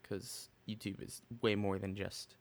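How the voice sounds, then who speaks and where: A man with a fairly low voice rambles through a casual podcast conversation, restarting his sentences as he goes. He has the hiccups. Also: flat delivery, unhurried. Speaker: podcast co-host. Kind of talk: casual chat.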